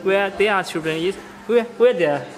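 A man's voice: high voice, unhurried. A young man, an R&D engineer, answering questions in an open-plan office, hesitant and repeating words as he searches for them. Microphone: camera held close.

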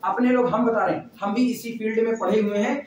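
A man's voice: sits high, steady tone, fast, crowd noise. A man teaching math in a classroom, chatting and repeating phrases as he dictates notes. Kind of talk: classroom lecture. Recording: echoey room, mic far off.

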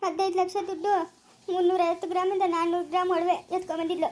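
A woman playing a very high, quick pleading mother. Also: flat delivery, a little mellow. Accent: rural Karnataka Kannada. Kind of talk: family drama skit.

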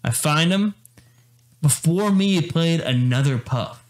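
Young men at a microphone chat for a podcast. He is a co-host with a slightly high voice, telling an animated story, repeating words and putting on quick voices for other people.

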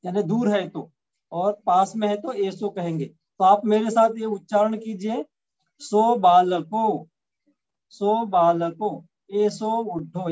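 Male language teacher, lofty voice, unhurried drilling delivery, muffled recording. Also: high voice, a little mellow. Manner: slow, deliberate drilling of words for the listener to repeat. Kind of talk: slide-based language lesson. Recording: dull lo-fi sound.

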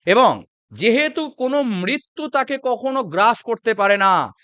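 Bright-voiced Bengali man teaching a chant. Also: extremely high pitch, clear, resonant tone, dry recording. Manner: slow drawn-out chanting, then steady explanation. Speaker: mantra teacher. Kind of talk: chanting and explaining a mantra.

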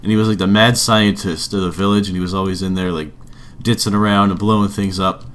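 A man's voice: deep voice, fairly even intonation, fast talker, fairly bright tone. A young man giving informal, rambling commentary on a game build, as a video creator.

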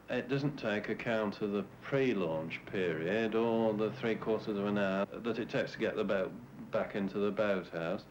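A middle-aged lifeboat man explaining things to his crew indoors. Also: on the low side. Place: small wooden boathouse room, indoors. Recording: noisy old film sound.

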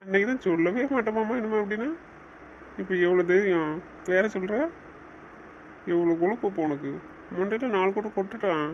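Soft-spoken young man, muffled recording. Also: sits high, a little fast, pauses often, slight background noise. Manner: soft-spoken, coaxing, gently teasing. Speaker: husband in a couple's chat. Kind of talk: casual couple banter.

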